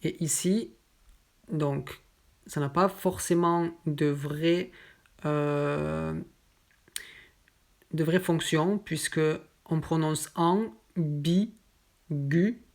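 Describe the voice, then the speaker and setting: A woman teaching pronunciation, patiently spelling out sounds and pausing with fillers. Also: low-pitched, steady tone, darkish tone. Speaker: French teacher. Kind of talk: pronunciation lesson.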